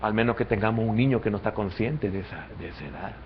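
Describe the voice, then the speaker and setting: Fervent Salvadoran pastor preaching. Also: male voice, fast, lo-fi sound, a little hiss or hum. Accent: Salvadoran Spanish. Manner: swings between quiet, low reasoning and loud, high fervent passages. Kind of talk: sermon.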